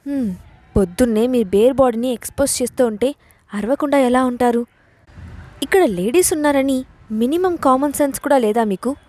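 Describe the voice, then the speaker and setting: A woman voicing a proud, sharp-tongued young wife who talks haughtily and argues back. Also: sits high, normal speed. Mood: irritated. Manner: haughty and argumentative.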